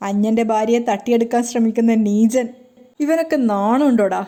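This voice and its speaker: A woman's voice: on the high side, fairly quick, dark tone, natural voice. A woman voicing a jealous, nervous young husband who speaks timidly, in a storytelling reading. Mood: muttering. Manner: timid, pleading.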